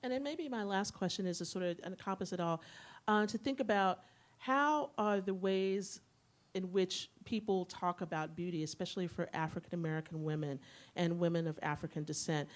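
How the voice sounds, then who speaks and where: A woman's voice: on the low side, normal speed. Thoughtful woman asking questions. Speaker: interviewer. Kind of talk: symposium interview.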